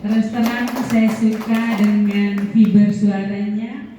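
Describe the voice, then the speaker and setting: A woman moderator warmly praising and teasing speakers as she introduces them. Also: medium pitch, flat delivery, slow pace, slight background noise. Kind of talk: emceeing a training session. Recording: echoey room, distant mic, dull sound.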